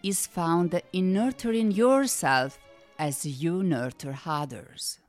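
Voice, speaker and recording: Wise old grandpa in a storybook, read by a woman, low, gentle and calm. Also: slow, soft background music.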